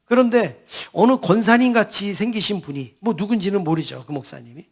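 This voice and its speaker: A man's voice: high-pitched, a little fast. A man preaching a New Year sermon as senior pastor. He tells a story, keeps turning to the congregation, and asks questions that he answers himself. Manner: storytelling, often turns to the congregation with "yes" and "everyone".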